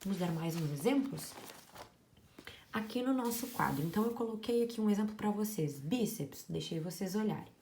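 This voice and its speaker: A woman teacher giving a slow, explanatory grammar lesson and stressing each example word. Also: mid-range voice, animated, warm tone, a little hiss or hum.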